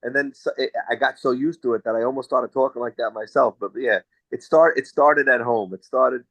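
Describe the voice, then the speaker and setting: An American man talks through his answers in a relaxed, chatty way, telling stories and restarting his sentences as he goes. His voice sits at a middle pitch. The sound is dry and close, with no room echo. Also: brisk. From United States. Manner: chatty, storytelling, with frequent restarts. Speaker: singer being interviewed. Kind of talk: casual interview answers.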